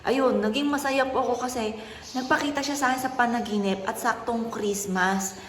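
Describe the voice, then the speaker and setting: A woman, a mother telling a personal story in a soft, earnest, polite way. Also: on the high side, normal speed. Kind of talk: casual vlog talk. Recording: echoey room with faint noise.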